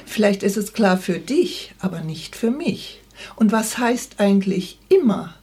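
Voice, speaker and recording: A woman reading aloud as an irritable, sharp-tongued middle-aged wife who snaps sarcastically. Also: mid-range voice, sing-song, measured pace, slightly rough, exaggerated voice. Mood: sarcastic. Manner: snappy, sarcastic read dialogue.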